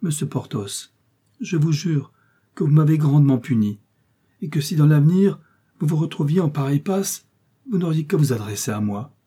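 A man's voice: fairly high pitch, animated, moderate pace, warm tone, husky, pitched above the performer's own voice. A man voicing a jealous, pleading middle-aged woman who speaks in a plaintive, sighing manner, in a storybook reading.

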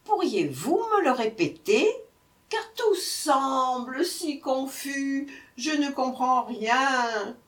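A woman voicing a sly male jackal who plays dumb in a storybook tale, whining in a high, drawn-out, fretful voice. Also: very animated, heavily acted. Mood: whiny feigned confusion. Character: sly male jackal feigning silly confusion. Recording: echoey room, voice from far off.

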